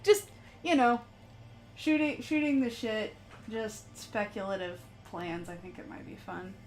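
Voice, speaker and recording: A woman hosts a relaxed live stream while she paints and chats with her viewers. She rambles, laughs often and takes her time, speaking at an unhurried pace. Soft music plays faintly behind her. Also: medium pitch.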